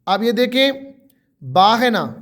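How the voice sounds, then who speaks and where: A man's voice: extremely high pitch, big pitch swings, a bit bright. A man teaching a Quran tajweed lesson, drawing out single letter sounds and explaining each one patiently. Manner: drawn-out letter sounds for pupils to repeat.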